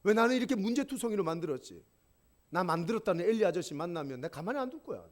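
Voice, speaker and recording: A male pastor voicing an angry, rough wooden boy puppet who fires off indignant questions in a storybook retelling. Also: high-pitched, big pitch swings, racing. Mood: fuming.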